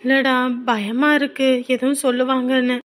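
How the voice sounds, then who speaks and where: A woman's voice: sits high, flat delivery, normal speed, lightly acted. A woman playing a timid young wife. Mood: anxious. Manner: timid, hesitant. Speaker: wife afraid of her mother-in-law.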